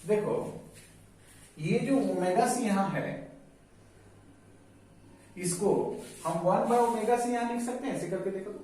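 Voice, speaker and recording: A man's voice: high-pitched, takes it slowly, pauses often, dark tone, far from the mic. Man, physics teacher, quizzes students, very echoey room. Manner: repeats key terms and quizzes students. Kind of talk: whiteboard lecture.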